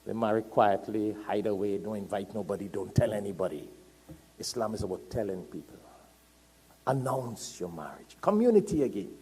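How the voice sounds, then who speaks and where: A man from Trinidad preaching a sermon to a congregation, swinging between loud emphatic peaks and low asides, repeating words for stress and joking with listeners by name. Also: expressive, normal speed, slightly rough.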